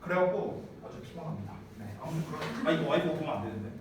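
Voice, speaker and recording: A man's voice: a little high, quick pace. Chatty guy teacher in his 30s, voice jumps all over, mic kinda far, faint hiss. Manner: chatty, animated, asks students rhetorical checks. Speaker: English teacher. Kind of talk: casual classroom lecture. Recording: echoey room from far off, faint noise.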